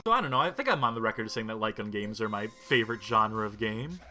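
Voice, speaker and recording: A man's voice: lowish voice, lively intonation, fast, sharp tone. A man doing casual gameplay commentary with wry, folksy asides. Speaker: video game streamer. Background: game music and sound.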